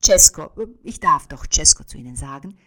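Self-assured middle-aged husband, read by a woman; calm, measured. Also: fairly high pitch. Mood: composed.

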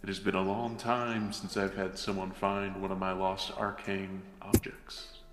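A man voicing a tall, condescending male sun god who speaks slowly and grandly, with reverb added. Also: low-pitched, level tone, fairly bright tone. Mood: lofty. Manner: slow, grand and lofty. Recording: long echoing reverb.

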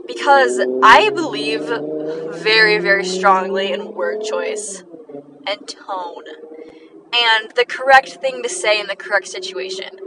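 A woman's voice: mid-range voice, distant mic, background noise. A sixteen-year-old girl rambling casually on her podcast, full of likes and little laughs. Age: teens, sixteen. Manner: chatty, many likes, quick laughs, self-deprecating. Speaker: podcast host.

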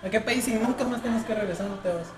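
A podcast host with a Guatemalan accent who chats casually, relaxed and joking, with plenty of slang. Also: medium pitch, fast, music in the background. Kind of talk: casual chat. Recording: roomy echo.

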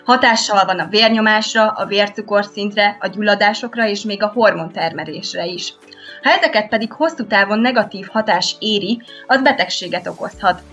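A woman speaking as an interviewed expert, laying out practical advice in a calm, explanatory way. Her voice sits at a middle pitch. The recording is a little dull and lo-fi, with faint music underneath. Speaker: sleep expert guest. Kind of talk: interview answers.

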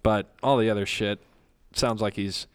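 A man's voice: fairly low pitch, fairly even intonation, normal speed, clean tone. A man hosting a casual podcast, telling gossip stories in a laid-back way and cursing freely. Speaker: podcast host.

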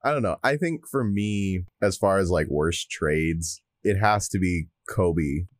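A man's voice: deep voice, a little slow, dry recording. A young man co-hosting a sports podcast, talking in a laid-back, musing way. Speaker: podcast co-host. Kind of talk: casual sports chat.

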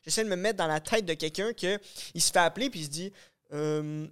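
Animated Québécois man, smooth voice. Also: high-pitched, quick pace. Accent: Québécois French. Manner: animated, rambling, swears casually, acts out scenarios. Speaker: podcast co-host. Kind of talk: casual podcast discussion.

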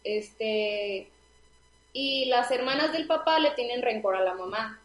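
A woman's voice: on the high side, slow pace, reverberant, low-quality recording. A young woman, co-hosting a podcast and recounting a story in rambling casual chat. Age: young adult. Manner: rambling narration with fillers. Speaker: podcast co-host.

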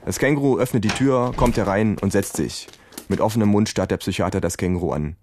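A man's voice: lowish voice, brisk, a little mellow. A man narrating a comic story in a dry, wry storytelling manner. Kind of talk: comic audiobook reading.

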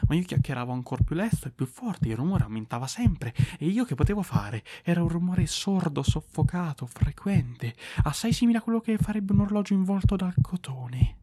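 A man's voice: high-pitched, big pitch swings, a little fast, hardly any pauses, warm tone, no echo. A man giving an intense, theatrical reading of a horror story. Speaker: narrator.

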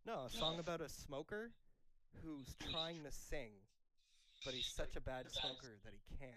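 A man's voice: medium pitch, measured pace, a loud crowd. A man chatting casually at home, rambling, swearing freely and trailing off mid-sentence. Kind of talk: casual chat. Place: home with pet birds.

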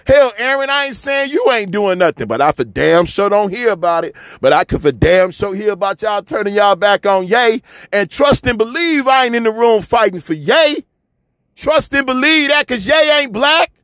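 A man's voice: sits high, lively intonation, moderate pace, fairly bright tone, clean tone, no echo. A man from Chicago delivering a fiery, repetitive, preachy monologue rant, often swearing as he hammers his points home. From Chicago, USA. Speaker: commentator.

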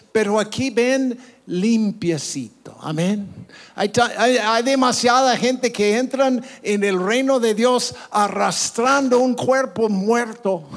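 Animated pastor preaching slowly. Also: male voice, very high voice. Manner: animated preaching with frequent call-outs of amen; stumbles and restarts words, laughs at own slips. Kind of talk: sermon.

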